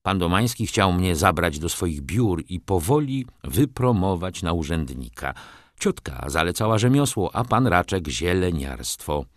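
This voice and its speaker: A man narrating a literary audiobook in a measured storytelling manner. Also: deep voice, sing-song, no room sound, studio quality.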